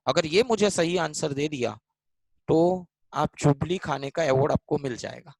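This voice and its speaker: A man's voice: fairly high pitch, a little slow, vocal fry, darkish tone, dry recording, low-quality recording. A man teaching English grammar in a live online class in Hindi, mixing in English, repeating lines and calling students by name. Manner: switches between Hindi and English mid-sentence.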